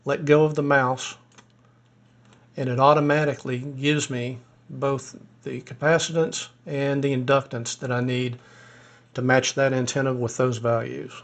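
A man giving a casual screen-recorded tutorial as a ham radio hobbyist, explaining step by step in a relaxed way with a few fillers, his voice a little hoarse. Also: medium pitch, a little slow.

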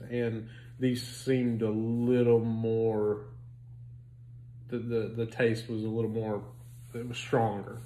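A man's voice: fairly low pitch, dark tone, slight background noise. Guy in his 30s rambling about food at home into a phone, jokey, echoey room. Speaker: restaurant reviewer. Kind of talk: casual chat. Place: home living room, indoors. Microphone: phone camera on a stand. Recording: roomy echo.

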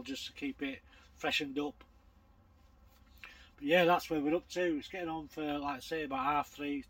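Outdoors at dusk in his bankside bivvy, an older man fishes and cooks a curry while giving a chatty, matter-of-fact vlog narration. He has a fairly high, slightly bright, husky voice with vocal fry. The recording is low quality, without echo.

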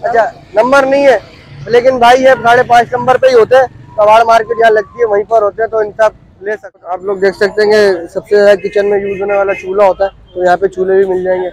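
A chatty man in his thirties with a fairly high voice walks a busy outdoor street market, recorded on a handheld phone camera. He asks vendors their prices and repeats them to his viewers in a casual walkthrough style. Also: level tone, quick pace, poor audio. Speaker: vlogger touring a market.

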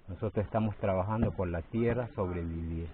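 A man in his forties with a low voice speaks haltingly outdoors, repeating words and pressing his points with force. A phone held close to his face picks him up. The sound is thin and tinny, like a phone line. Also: background noise. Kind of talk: outdoor field interview. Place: outdoors by a forest clearing. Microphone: phone held near the face.

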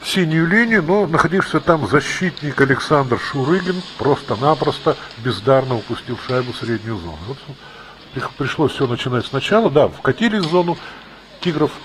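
A man's voice: mid-range voice, very animated, normal speed, fairly bright tone, slight background noise, low-quality recording. A man giving live play-by-play ice hockey commentary, mixing exclamations with analytical asides.

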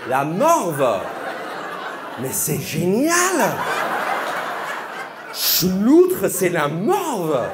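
Playful high-voiced male comedian, live crowd. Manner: playful, incredulous questioning of the audience. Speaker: stand-up comedian. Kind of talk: crowd-work stand-up comedy. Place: comedy venue with a live audience. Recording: live audience and room noise.

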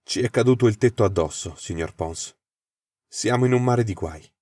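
A flustered young government official, voiced by a man, worried and earnest as he lays out his trouble. The voice sits low, and the recording is dry with no room echo. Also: moderate pace, darkish tone, natural voice. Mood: anxious.

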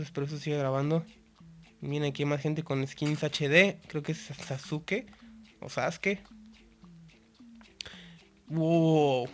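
A man with a Mexican accent giving live gameplay commentary, chatty and constantly greeting viewers. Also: fairly high pitch. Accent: Mexican Spanish. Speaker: gaming YouTuber.

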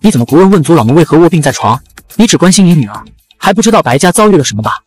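男声演绎的傲慢跋扈的年轻贵族小姐. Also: female voice, low-pitched, sing-song, rapid-fire, darkish tone, slightly rough, no room sound, faint music behind, exaggerated voice. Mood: taunting. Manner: scornful, domineering. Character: arrogant young noblewoman with a whip.

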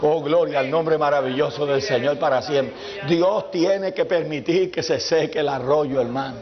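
Fervent pastor preaching. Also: male voice, fairly high pitch, normal speed, music in the background. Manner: fervent, peppered with hallelujahs, bursts into shouts. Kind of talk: sermon. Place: church. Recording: dull lo-fi church recording.

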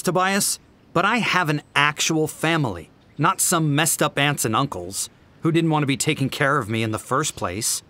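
A man's voice: a little high, fairly bright tone, voice pushed up. Urgent, insistent teen boy, read by a man, arguing his case.

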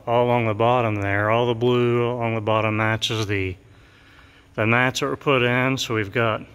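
In a big empty school gym, a middle-aged man who paints murals chats his way through a tour of his work, filling his talk with fillers. He has a clean, slightly bright mid-range voice, and the space gives the recording a long reverb.

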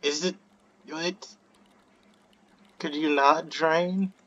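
A man's voice: fairly high pitch, fairly even intonation, drawn-out words, fairly bright tone, dull audio. A man giving casual let's-play commentary, joking, swearing and talking to the game. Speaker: gameplay commentator.

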